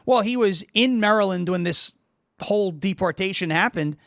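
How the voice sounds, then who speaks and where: A man in his thirties from New York, with a high-pitched voice, talks through his argument in a casual political discussion. He leans on everyday examples and keeps asking "right?" to draw the others in. He is recorded close on the mic in a dry room with no echo. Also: moderate pace, fairly bright tone. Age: 30s. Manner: explains with everyday examples, asks rhetorical "right?". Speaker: podcast panelist.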